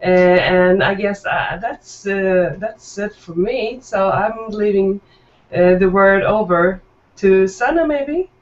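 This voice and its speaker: A woman from southern Sweden speaks upbeat and chatty, pausing on fillers. She sounds set back from the microphone. The audio is muffled and lo-fi, as over a web call. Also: mid-range voice, distant mic. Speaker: panel guest. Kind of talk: casual self-introduction.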